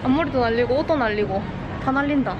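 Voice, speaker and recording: A woman's voice: sits high, quick pace, echoey room, far from the mic, highs cut off. A young woman vlogging casually outdoors on a windy street, chatting to a friend through a face mask. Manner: chatty, amused, remarks to a companion. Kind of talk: casual vlog chat.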